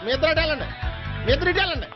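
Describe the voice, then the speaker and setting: A man's voice: lively intonation, racing, music in the background. An actor playing a brash, hot-headed young male sidekick in a film comedy, with rustic slang. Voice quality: high nasal comic voice, rustic slang. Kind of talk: Telugu film comedy acting. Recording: slightly dull film audio with background score.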